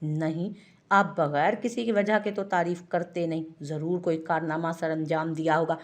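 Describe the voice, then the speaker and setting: Lady voicing a sarcastic young wife, quick witted, lowish tone. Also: fairly even intonation, natural voice. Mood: mocking. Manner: mocking, sarcastic. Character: witty young wife, sharp-tongued. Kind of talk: audiobook character voice.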